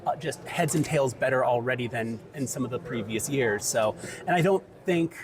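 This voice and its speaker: A man's voice: medium pitch, normal speed. A man conducting a casual interview at a convention, chatty and friendly, with lots of fillers. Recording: noisy convention crowd behind.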